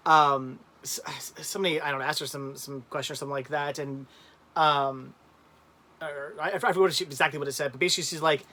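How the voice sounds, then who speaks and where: A man's voice: on the high side, steady tone, fast, sharp tone. Laughing, rambling man in his thirties. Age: 30s. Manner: rambling, laughs often, many restarts. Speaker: livestream co-host. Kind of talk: casual chat.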